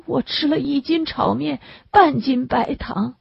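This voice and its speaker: A woman's voice: high-pitched, vocal fry, no room sound, pitched above the performer's own voice, exaggerated voice. Woman doing a sobbing sick man in agony. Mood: wailing. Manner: wailing, choked with tears, drawn-out. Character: sick middle-aged male labor-camp inmate, sobbing in pain. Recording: dull lo-fi recording.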